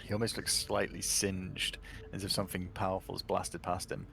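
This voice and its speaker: A man's voice: low voice, level tone, moderate pace, creaky, sharp tone. A man narrating a tabletop game as game master, in a casual, descriptive way with fillers.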